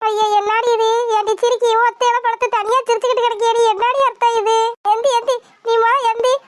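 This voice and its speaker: A woman's voice: very high-pitched, level tone, fairly quick, pitched above the performer's own voice. Woman voicing a fussy superstitious village grandmother. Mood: scolding. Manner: scolding, fretful, nagging. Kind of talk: cartoon voice acting.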